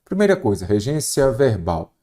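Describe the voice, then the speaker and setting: A man's voice: medium pitch, very animated, normal speed, dark tone. A Brazilian man teaching a Portuguese grammar lesson for exam prep, explaining step by step and asking and answering his own questions.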